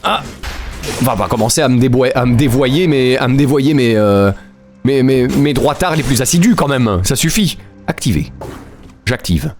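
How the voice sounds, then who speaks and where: A man's voice: medium pitch, normal speed. A man streaming a video game, chatting casually and joking with his viewers, laughing often. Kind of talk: casual live-stream commentary. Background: game music.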